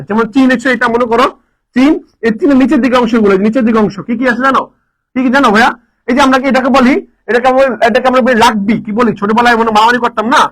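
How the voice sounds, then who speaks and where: A man teaching a live online lesson, energetic, repeating answers and quizzing his students. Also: very high voice, rough recording. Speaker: admission coaching teacher.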